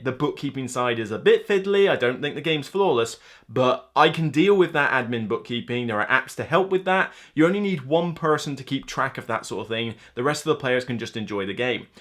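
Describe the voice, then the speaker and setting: A man in his thirties reviews board games to camera in a room lined with game shelves. His voice is fairly high and a bit bright, and he rambles casually with enthusiastic, emphatic delivery.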